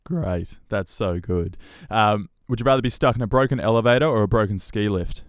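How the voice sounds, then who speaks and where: A man hosting a podcast interview with a low, smooth and resonant voice. He sounds upbeat and encouraging, and the recording is close and dry. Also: a little fast, no echo. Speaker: podcast host.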